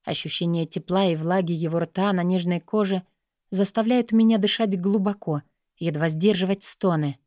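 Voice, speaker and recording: A woman's voice: lowish voice, moderate pace, mellow, no room sound, studio quality. A woman reading scripted first-person romance fiction as an audiobook narrator, in an intimate, sensual way.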